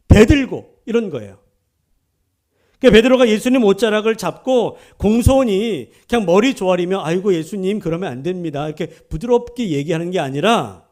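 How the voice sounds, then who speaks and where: A man's voice: high-pitched, darkish tone. A man preaching a sermon as pastor, emphatic and full of rhetorical questions to the congregation. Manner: acts out quoted speech within the preaching.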